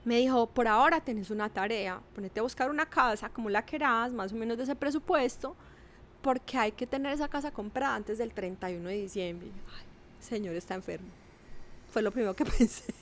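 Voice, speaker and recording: A middle-aged woman, telling a personal story in a lively, animated way with acted quotes. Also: on the high side, a little fast, a little hiss or hum. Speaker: podcast guest. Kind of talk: casual storytelling.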